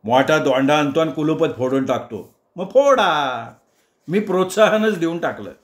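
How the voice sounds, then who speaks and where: Guy telling a funny story, lively and expressive, kinda high voice, echoey room. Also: normal speed. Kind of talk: dramatic story reading.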